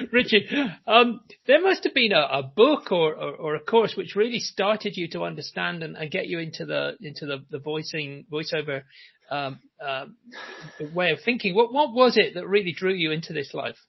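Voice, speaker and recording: Raspy gravelly guy hosting a chat show, keen, trips over his words a lot, muffled dry audio. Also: on the high side, lively intonation, normal speed. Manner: eager, stumbling over repeated words in questions. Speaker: podcast host. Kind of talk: casual interview chat.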